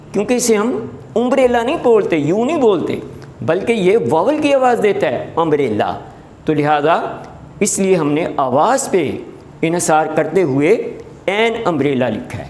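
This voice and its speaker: A man's voice: sits high, a little mellow. A man who teaches English, giving a lecture, patiently repeating examples and checking that students understand. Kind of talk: recorded classroom lecture. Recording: echoey room with faint noise.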